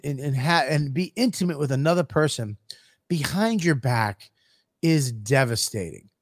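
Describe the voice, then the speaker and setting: A man's voice: a little high, no echo, studio quality. A man co-hosting a podcast in casual banter, rambling with stammered restarts and teasing his co-host.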